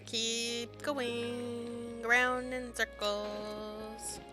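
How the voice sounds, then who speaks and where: A woman's voice: fairly high pitch, completely flat delivery, very slow. A woman streaming a game, chatting to herself casually as she plays. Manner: chatty, talks to herself while playing. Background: game music.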